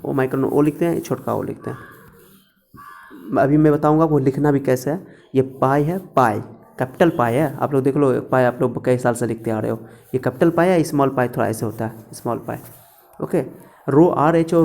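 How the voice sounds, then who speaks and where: A man's voice: medium pitch, vocal fry, warm tone. A male teacher giving a casual lecture to students, repeating words often and speaking straight to them. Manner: repetitive, instructive, speaks directly to students.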